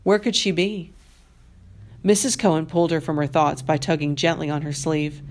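A woman teacher reads a novel aloud to her class. Her voice sits low and deep for a woman. She reads in a measured, expressive way, giving the story its weight. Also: slight background noise.

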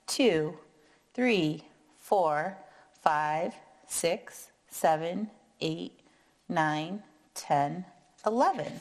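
An American woman in her thirties reading aloud to young children in a kindergarten teacher voice, counting deliberately and prompting with questions. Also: fairly low pitch, creaky. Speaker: kindergarten and first grade math teacher. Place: indoor classroom or meeting room, seated at a table.

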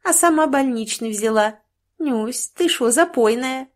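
High teasing village milkmaid in a southern russian dialect, a woman reading her, mocking and drawn out. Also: measured pace.

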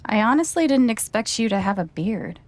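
A woman's voice: a little high, expressive, brisk, a little mellow, slight background noise, natural voice. An actress playing a young woman who talks in a dry, sarcastic way. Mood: wry. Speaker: main character.

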